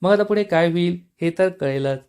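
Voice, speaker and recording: A man with a somewhat raised pitch delivers a scripted recap narration of a TV serial. He tells the story in a steady, even manner and reads out each quoted line plainly. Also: normal speed, clean tone.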